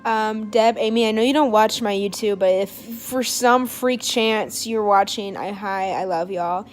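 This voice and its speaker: A woman's voice: medium pitch, a little slow. A young woman talking casually to her phone camera in a vlog, rambling and self-deprecating with lots of fillers. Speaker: vlogger.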